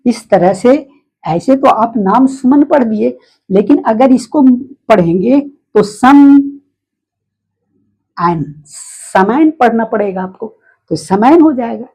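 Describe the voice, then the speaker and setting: Slow husky woman teaching phonics. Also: a little high, animated, dark tone, low-quality recording. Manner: slow, repetitive, quizzing the listener. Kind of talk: phonics lesson.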